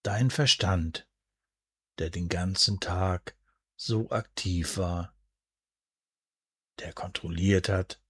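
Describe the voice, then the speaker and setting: Very slow, low, breathy hypnosis man. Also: no room sound, studio quality. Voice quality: breathy, soft, at times near a whisper. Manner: soothing, hushed, deliberate, with drawn-out pauses. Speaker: hypnosis and relaxation guide. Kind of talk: guided sleep hypnosis, scripted narration.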